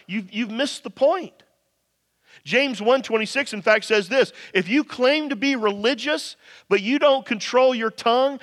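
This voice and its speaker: Reverberant hall, male preacher, high voice, emphatic, conversational, direct address. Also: a bit bright. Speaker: pastor preaching. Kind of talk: sermon to a congregation. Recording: long reverberant hall sound.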